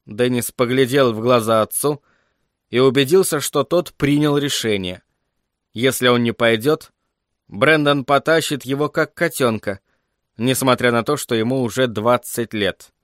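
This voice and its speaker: A man narrating a story in a measured, even reading voice. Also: medium pitch, no room sound, clean studio sound. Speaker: audiobook narrator. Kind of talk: scripted narration.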